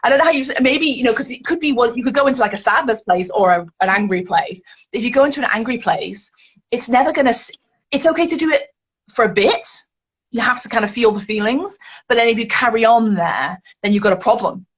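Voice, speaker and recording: A woman's voice: a little high, lively intonation, fast, husky. A woman, a guest in an interview, telling stories animatedly and acting out the reactions she quotes. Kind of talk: podcast interview conversation.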